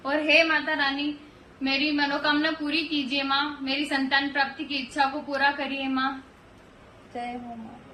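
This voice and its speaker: A woman voicing a meek, pious young wife in an animated story, imploring and devout. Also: high-pitched, normal speed, a little hiss or hum. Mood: prayerful. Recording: echoey room from far off, music behind.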